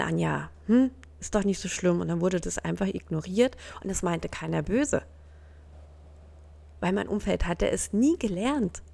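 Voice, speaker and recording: A woman speaks straight to the listener as a self-help coach, earnest and personal, with a strongly gravelly, fry-filled voice at an ordinary mid pitch. She sometimes slips into quick impressions of other people's reactions. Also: a little mellow. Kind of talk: motivational self-help talk addressed to the listener.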